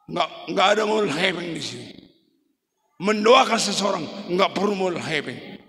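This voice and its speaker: A male pastor delivering a church sermon in short, emphatic bursts that sometimes climb to a shout. His voice sits high and bright with a gravelly rasp. Long reverb from the church hall trails every phrase. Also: expressive, normal speed.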